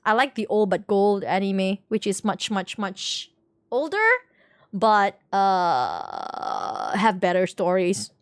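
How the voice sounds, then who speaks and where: Playing a game on stream, a woman talks informally and giggly with her viewers. She has a mid-range, clean-toned voice, animated yet slow, captured dry with clean studio sound.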